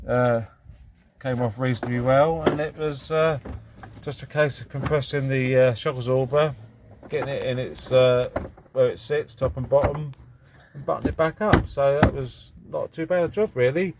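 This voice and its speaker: Over a noisy background, a British vlog host with a mid-range voice and moderate pace chats casually while doing DIY car repairs. He thinks aloud, rambling in a matter-of-fact way as he narrates the hands-on work.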